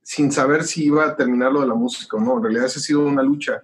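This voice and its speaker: A middle-aged man with a Mexican accent talks rapid-fire at a medium pitch. A pastor and musician, he tells his story in a casual interview, animated and acting out the conversations.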